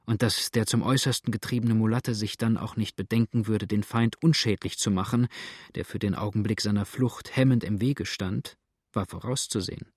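Steady male audiobook narrator. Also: fairly low pitch, moderate pace, breathy edge, no room sound, clean studio sound. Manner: steady, even storytelling. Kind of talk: scripted narration.

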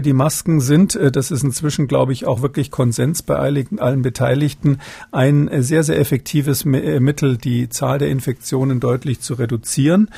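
A man's voice: medium pitch, gravelly, mellow, breathy edge, dry recording. A man answering interview questions as an expert guest, hesitant, with many fillers and restarts.

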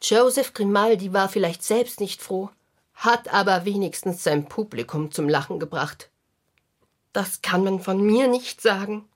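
A woman's voice: medium pitch, measured pace, natural voice. An actress playing a grumpy, gloomy female clown in a children's radio play, talking in a sulky, self-pitying way. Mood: glum.

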